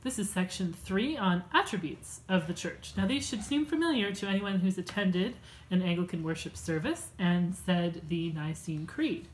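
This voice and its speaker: A woman in her thirties at home, reading a church class lesson from her notes in a measured, earnest way with a few fillers. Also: lowish voice, animated, a little hiss or hum, low-quality recording. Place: home room with bookshelves.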